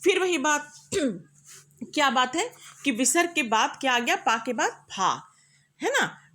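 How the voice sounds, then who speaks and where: A woman's voice: sits high, big pitch swings, measured pace, bright, forceful tone. A middle-aged woman teaching a class, explaining patiently and often checking that her students follow. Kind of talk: classroom lecture.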